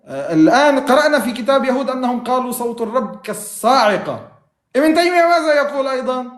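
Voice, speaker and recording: A man's voice: very high-pitched, big pitch swings, fast, reverberant. A man in a heated religious debate, arguing, quoting old texts and laughing mockingly.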